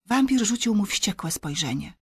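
Woman narrator, husky voice, dramatic storybook reading, mid pitch, dry close sound. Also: lively intonation, measured pace, no echo. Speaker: audiobook narrator.

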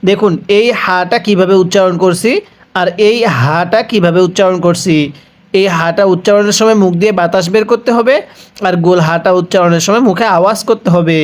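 A man teaching Quran reading, spelling out each letter and vowel, then chanting slow drawn-out words for learners to repeat. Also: sits high, steady tone. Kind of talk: step-by-step recitation lesson.

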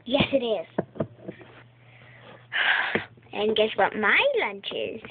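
A woman's voice: medium pitch, slow. A young girl play-acting a family scene with toys, voicing the characters herself in a playful, squealing way. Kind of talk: toy play-acting with voices. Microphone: phone. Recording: tinny phone recording with loud noise.

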